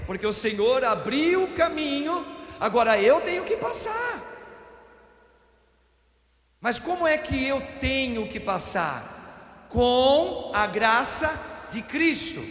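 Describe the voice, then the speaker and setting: A middle-aged Brazilian priest giving an Easter homily, telling folksy stories with everyday examples. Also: male voice, very high voice, big pitch swings, slow, pauses often, fairly bright tone. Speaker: parish priest. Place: parish church. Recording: echoey church with long reverb.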